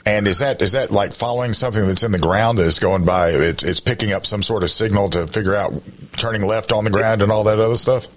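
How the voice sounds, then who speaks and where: A man with a deep voice hosts talk radio. He puts questions to a guest in a conversational, informal way. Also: fairly even intonation, quick pace, a bit bright.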